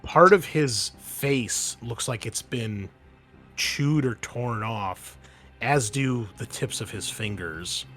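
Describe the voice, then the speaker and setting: Over background music, a male game master narrates a tabletop game in a casual, descriptive, conversational style. His medium-pitched voice is a bit bright, and he takes it slowly.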